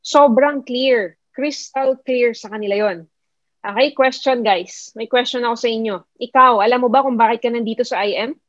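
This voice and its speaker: A woman's voice: a little high, moderate pace, dry recording, lo-fi sound. Filipino woman coaching an online audience. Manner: repetitive, questioning the audience; mixes English into Tagalog. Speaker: network marketing mentor. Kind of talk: online motivational talk.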